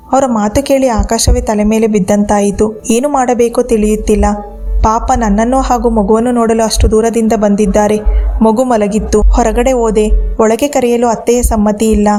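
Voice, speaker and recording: A woman narrating an emotional first-person story, quoting others in her own voice. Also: a little high. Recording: soft background music.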